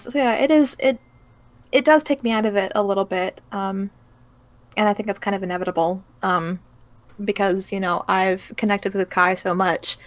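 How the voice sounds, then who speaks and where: Woman, medium pitch, casual interviewee, hesitant, thoughtful, self-correcting. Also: no room sound. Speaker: voice actor being interviewed.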